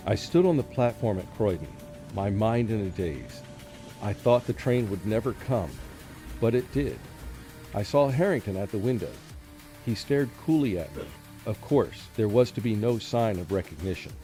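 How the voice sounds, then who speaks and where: In dramatic first-person radio play narration, a man plays the lead, a tormented, fearful professor under a deadly curse, speaking in a fairly low, warm voice with lively intonation and light acting. His anguished delivery halts at times and breaks into frantic outbursts. Prominent music sits clearly under his voice, adding tense suspense.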